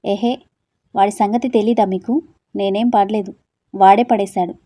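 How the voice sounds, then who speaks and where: A woman's voice: medium pitch, steady tone, moderate pace, mellow, no echo, lightly acted. A woman voicing a naive, innocent young woman student who asks puzzled questions in an audio story. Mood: defensive. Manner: wide-eyed, puzzled questioning.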